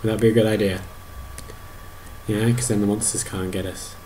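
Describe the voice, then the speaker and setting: A man in his thirties narrating a video game to his toddler, animated, exclaiming and making playful sound effects. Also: fairly low pitch, normal speed, slight background noise. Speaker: parent playing a video game.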